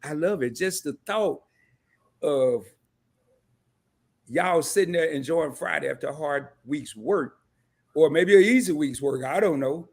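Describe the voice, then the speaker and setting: A man's voice: fairly high pitch, measured pace, long pauses. A man hosting a casual interview, enthusiastic and playful, laughing and teasing his guests.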